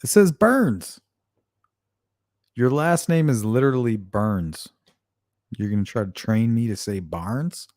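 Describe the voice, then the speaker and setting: A man's voice: lowish voice, unhurried, darkish tone, no echo, clean studio sound. A man hosting a casual late-night stream, teasing and joking with his viewers and cursing freely. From Arizona. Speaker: live stream host.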